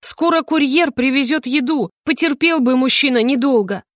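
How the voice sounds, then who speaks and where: A woman voicing a fussy, doting older mother who talks in a sugary, drawn-out way and scolds gently. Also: high voice, no echo, clean studio sound, pitched above the performer's own voice, natural voice. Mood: coaxing. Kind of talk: audiobook character voice.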